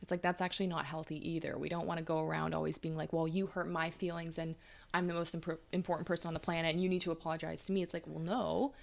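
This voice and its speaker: A woman's voice: low-pitched, flat delivery, quick pace, creaky. A Canadian woman in her thirties, a couples therapist, explaining her views thoughtfully with examples in a conversational interview.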